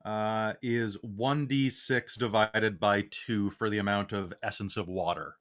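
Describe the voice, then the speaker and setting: A man's voice: lowish voice, steady tone, measured pace, fairly bright tone. A man playing a tabletop game in a casual, joking way. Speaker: player.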